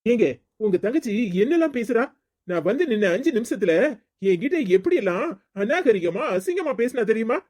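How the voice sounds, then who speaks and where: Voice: medium pitch, darkish tone. A performer voicing a firm, indignant brother-in-law. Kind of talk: cartoon voice acting.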